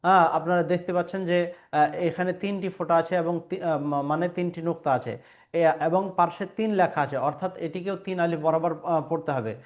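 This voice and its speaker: A man with a somewhat high voice gives a patient lesson on pronouncing Arabic letters. He stretches each sound out to model it and pauses often with small fillers. The recording sounds dull and lo-fi. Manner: patient and explanatory, models sounds by drawing them out; frequent hesitation fillers. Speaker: Quran reading teacher.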